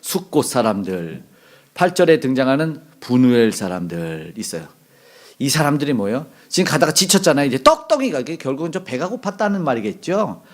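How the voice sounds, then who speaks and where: A middle-aged male pastor giving a conversational sermon, asking the congregation questions and acting out quoted lines with sudden loud bursts. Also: medium pitch, very animated, brisk.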